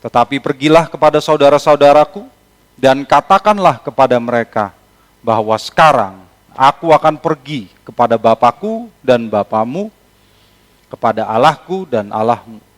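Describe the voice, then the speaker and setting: A man voicing a calm, gentle teacher figure, reading his words tenderly. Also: mid-range voice, moderate pace, lightly acted. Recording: long hall reverb.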